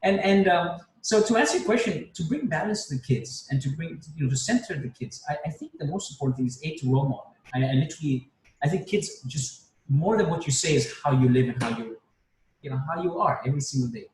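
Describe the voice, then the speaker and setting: A fast-talking, expressive man with a slightly high, darkish voice, he is in his fifties and comes from Spain. As a panel guest in an informal group video chat, he reflects with lots of restarts and tags like "right?". The audio is roomy, the mic distant, and faint background noise is audible.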